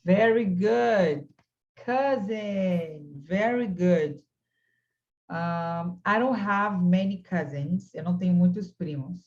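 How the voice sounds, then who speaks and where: A woman's voice: lowish voice, darkish tone, dull audio. A woman from Brazil teaching an online English class, patiently and encouragingly modelling words for her students over a video call.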